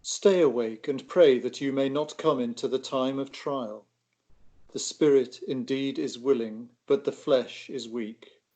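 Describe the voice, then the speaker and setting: Grave, sorrowful male teacher read by a man, mid-pitched, measured and solemn, for a dramatised gospel. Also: a little mellow, natural voice. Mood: grieved, earnest. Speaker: reader playing Jesus in a church Bible reading. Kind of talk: dramatised scripture reading.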